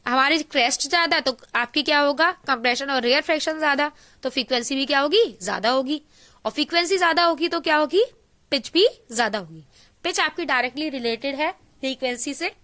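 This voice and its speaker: Teaching a science class online, a woman explains in Hindi peppered with English terms, posing questions and answering them herself and reading definitions slowly. Her voice sits high, bright and forceful.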